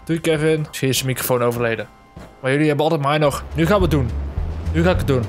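A man's voice: a little high, quick pace. Een man met een Nederlands accent, een wat hoge stem en vluchtig, luidruchtig commentaar. Hij schreeuwt en vloekt tijdens het gamen. De opname wordt gedragen door duidelijk hoorbare gamemuziek. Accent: Dutch. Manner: excitable, swearing, yelps and jokes while playing. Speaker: gamer. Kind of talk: casual gameplay commentary. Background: game music.

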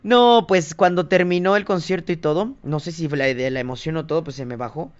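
His voice fairly high and smooth, a young man with a Mexican Spanish accent speaks a little fast as a podcast guest. The singer and TV reporter tells casual stories with animation, playing out other people's lines in lively asides, all captured in dull lo-fi audio.

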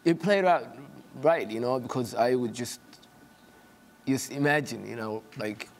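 Soft, hesitant young man from Somalia. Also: mid-range voice, measured pace, a little hiss or hum. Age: young adult. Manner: hesitant, soft-spoken, many "you know" fillers. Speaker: actor guest. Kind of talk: studio interview. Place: TV studio set, indoors.

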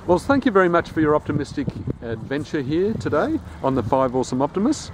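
A man's voice: on the high side, very animated, quick pace. A middle-aged man hosting a vlog, chatting and asking friendly questions in a city park. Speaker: vlog host interviewing people. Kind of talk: casual interview chat. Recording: outdoor camera audio with traffic noise.

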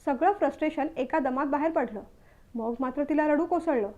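A woman's voice: sits high, fairly quick, darkish tone, muffled recording. A woman narrating a family story, reading it aloud steadily and expressively.

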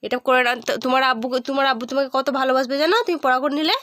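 A woman's voice: high-pitched, fairly even intonation, rapid-fire, fairly bright tone, dry recording, clean studio sound. A mother tutoring her young son at home, coaxing and repeating questions, sighing with exasperation and scolding him. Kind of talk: home tutoring a small child.

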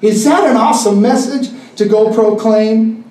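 A pastor preaching an intense, impassioned sermon at a conference. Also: male voice, high voice, moderate pace, mellow. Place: conference hall. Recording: echoey hall, mic at a distance.

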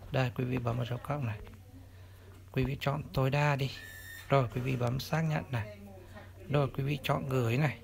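A courteous host walks viewers through an app on screen, one step at a time, pointing at each button as it comes up. The voice sits at a middle pitch, and a clear, steady hiss runs under the recording. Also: fairly quick, long pauses. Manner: polite, addresses viewers formally, ends steps with "này". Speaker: channel host. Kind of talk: step-by-step screen tutorial narration. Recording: clear steady background noise.

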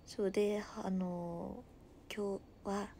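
A woman in her twenties from Nagasaki, chatting casually on a livestream with a Nagasaki dialect, reading viewer comments aloud and often dropping to a soft murmur. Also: medium pitch, little pitch movement, slow pace, slight background noise. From Nagasaki, Japan. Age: 20s.

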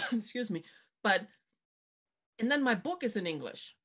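Speaking a little slowly in a sing-song, fairly bright voice that sits on the high side with a breathy edge, this podcast host from Germany is middle-aged. She conducts a motivational interview by webcam from a dark-backdropped room at home, hammering home her advice through repetition.

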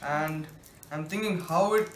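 A man's voice: a little high, unhurried. A teenage male chatting casually to camera as he hosts a food challenge. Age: teens. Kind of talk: casual chat to camera while tasting. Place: small bare room indoors. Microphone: camera a short distance away. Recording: echoey room, faint hiss, distant camera mic.

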